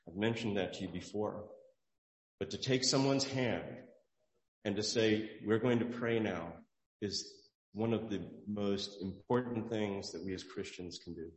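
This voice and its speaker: A man's voice: fairly low pitch, unhurried. A man preaching a sermon as pastor, in an earnest, conversational way, often restarting his phrases. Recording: roomy hall with long echo.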